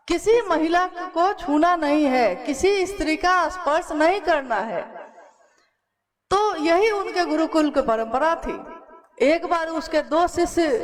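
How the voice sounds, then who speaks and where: High-pitched woman preaching slow at a devotional gathering, laughs here and there, crowd audible behind. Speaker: devotional speaker.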